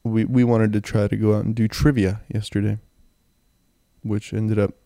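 A young man hosts a casual solo podcast while sick with a cold. His low voice is phlegmy and gravelly, and he rambles along in a low-key way. The handheld mic is close and the sound is very dry. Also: flat delivery, normal speed, warm tone, no room sound. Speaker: podcast host. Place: in bed, indoors. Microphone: handheld mic and audio recorder, close.

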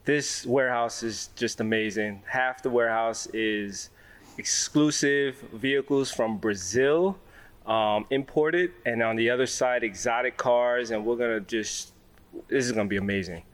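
A man's voice: medium pitch, measured pace. A male host with a mid-range voice. He speaks in a casual, conversational way as he interviews a guest. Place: large car warehouse.

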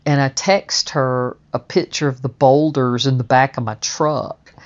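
A woman's voice: rumbling low, fairly even intonation, unhurried. A woman telling a personal story in a chatty, rambling way, full of fillers and restarts. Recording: dull, muffled audio.

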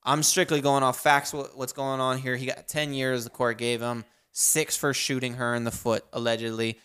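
A man's voice: mid-range voice, level tone, normal speed, a bit bright, clean tone. A man co-hosting a casual podcast, joking and laughing a lot as he moves the talk from topic to topic. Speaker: podcast co-host steering topics.

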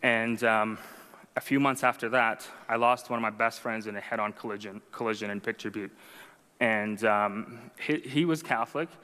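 His mid-range voice has a sharp tone as it carries through a large hall. A young man whose first language is Arabic, he relates his personal conversion story to the crowd conversationally, laughing at himself and often adding "right?"

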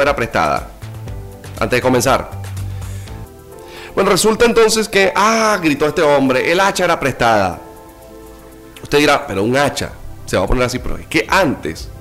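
A man's voice: fairly high pitch, fairly bright tone. A male pastor preaching a sermon, emphatic and rising in exclamations, with playful asides.

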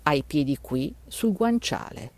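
A man voicing a tipsy young man who is bewildered and blustering in a dark inn room, in a storybook reading. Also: a little high, lively intonation, a little slow, dry recording.

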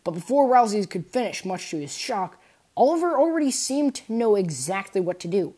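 A woman narrating a fan fiction adventure aloud in an expressive storytelling manner. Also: mid-range voice, normal speed. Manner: expressive storytelling, voicing characters.

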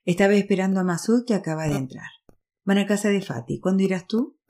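A woman reading a novel aloud, voicing a kindly older woman housekeeper who speaks gently and reassuringly. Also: mid-range voice, quick pace, close to an everyday voice. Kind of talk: audiobook reading.

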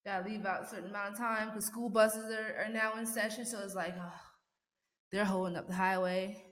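A woman's voice: medium pitch, fairly even intonation, a little fast, a bit bright. A woman hosting a casual motivational podcast, chatting encouragingly and directly to her listeners in an echoey, sparsely furnished room at home. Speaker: podcast host.

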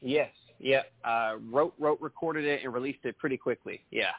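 A man from Maine, a singer-songwriter and producer, answering interview questions in a friendly, relaxed way. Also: medium pitch, moderate pace, slightly rough, no echo. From Maine, USA. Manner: friendly, laughing easily, relaxed. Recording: dry, tinny phone-like line.

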